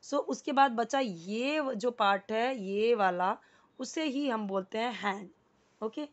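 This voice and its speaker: A woman's voice: a little high, slow pace. Patient woman teaching in lo-fi audio. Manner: patient, repeats words, checks with "ठीक है". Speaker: English teacher. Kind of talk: casual Hindi explanatory lesson.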